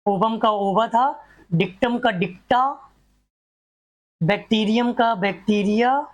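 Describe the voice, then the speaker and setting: A woman's voice: medium pitch, steady tone, slow pace. A woman teaching a grammar class, drilling examples one by one and asking rhetorical questions that she answers herself.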